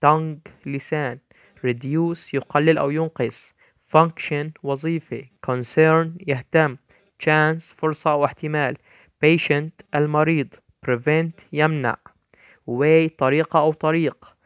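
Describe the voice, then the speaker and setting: A man reading English vocabulary words one by one, each followed by its Arabic translation, in a slow, deliberate dictating manner. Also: fairly high pitch, steady tone, fairly bright tone, clear, resonant tone, no room sound. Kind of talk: vocabulary list read aloud with Arabic translations.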